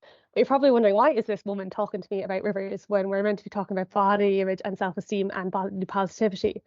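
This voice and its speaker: A young sport and exercise psychologist, sniffly from a cold, gives parents an explanatory online talk over a video call mic, often hedging with "I suppose" and ums. Her mid-range voice has fairly even intonation and runs very fast. The audio is dull, with no echo.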